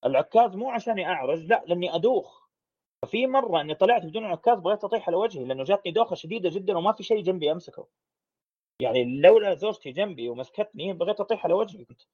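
A man's voice: high voice, lively intonation, very fast, breathy edge. A man, a podcast guest speaking frankly in a casual conversation, in long runs with restarts. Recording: dull lo-fi audio.

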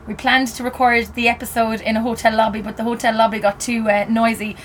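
A woman's voice: a little high, level tone, quick pace, a little hiss or hum. A woman chatting casually as a podcast host, recorded in the back of a van in a parking garage or car park. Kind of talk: casual interview chat.

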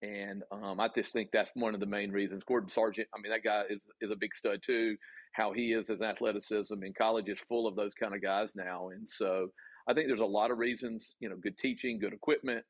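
A low-voiced man with a Southern US accent talks earnestly as a guest, pausing often on ums and restarting his sentences. The sound is dull and dry, like a remote call. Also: fairly even intonation, breathy edge, no echo. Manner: earnest, many fillers and restarts. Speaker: college golf coach, guest. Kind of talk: casual interview answers.

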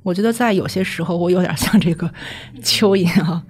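A woman professor guesting on a podcast, talking in a measured, thoughtful way and reaching for metaphors. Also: lowish voice. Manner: measured, thoughtful, full of metaphors and pause words. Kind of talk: casual chat.

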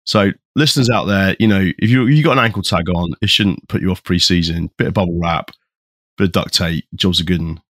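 A low-voiced man presents a chatty sports podcast. His tone is husky, with dry, bantering humour, and he is recorded close with very little room sound. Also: brisk, fairly bright tone, no room sound. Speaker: podcast co-host. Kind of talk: casual panel chat and scripted introduction.

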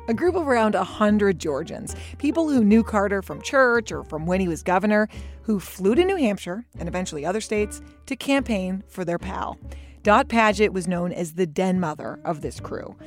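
Wry woman narrating a documentary podcast. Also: medium pitch. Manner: conversational, wry and lively. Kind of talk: scripted narration.

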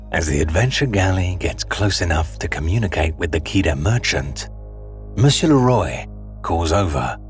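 A man giving scripted, dramatic documentary narration in a measured storytelling manner. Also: deep voice.

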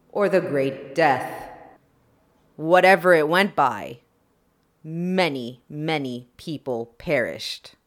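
A woman hosting a podcast, explaining history in a chatty way with playful, wry asides to her listeners. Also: on the low side. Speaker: podcast host.

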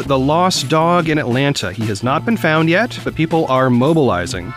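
A man hosting a news podcast, explaining things clearly in a conversational scripted style with small asides. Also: on the high side, fairly bright tone. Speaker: podcast host.

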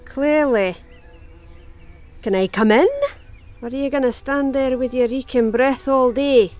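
A woman's voice: high voice, unhurried, a little mellow, faint music behind. A middle-aged woman with a broad Scottish accent playing a wry, teasing, motherly villager in an audio drama. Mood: dry teasing. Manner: dry, teasing, matter-of-fact.

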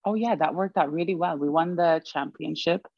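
A young woman raised in Sweden as an interview guest, reflective and quick to laugh. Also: deep voice, vocal fry, dry recording, dull audio. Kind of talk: conversational interview.

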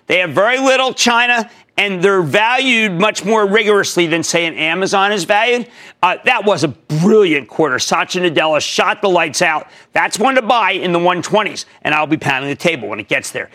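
A middle-aged man hosting a stock market call-in show, talking emphatically with sudden loud bursts and low asides. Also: lively intonation, normal speed. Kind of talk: energetic market commentary and call-in.

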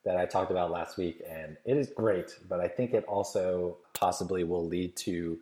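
Deep-voiced man in an echoey room. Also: moderate pace, mellow. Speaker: podcast co-host. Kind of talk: casual podcast chat. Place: game room in a rented house, indoors.

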